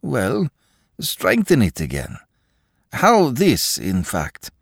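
A man voicing a timid middle-aged male clerk who pleads in halting, broken phrases. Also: medium pitch, huge pitch swings, gravelly, husky, dry recording, clean studio sound, voice pushed up, exaggerated voice. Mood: pleading, flustered.

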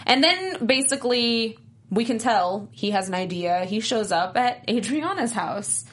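A woman co-host recapping an episode in a casual chat, in a brisk storytelling way. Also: a little high, lively intonation, fairly bright tone.

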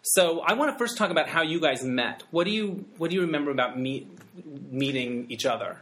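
A man's voice: fairly high pitch, animated, fairly quick, fairly bright tone. A man with a standard American accent, hosting a podcast in a casual, conversational way. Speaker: podcast host.

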